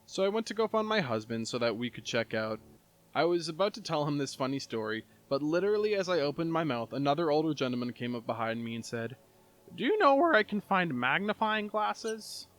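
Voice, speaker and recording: A man's voice: mid-range voice, lively intonation, fast. A man narrating online stories for his channel as its host. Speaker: YouTube story narrator. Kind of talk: reading online stories aloud. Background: soft chill background music.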